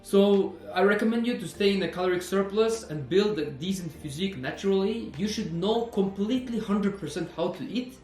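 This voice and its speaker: A man's voice: high-pitched, lively intonation, brisk, hardly any pauses, a little mellow, soft background music. Man, twenties, earnest fitness vlog, echoey room. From Norway. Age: 20s. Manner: earnest, repeats himself, frequent "you know". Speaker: personal trainer.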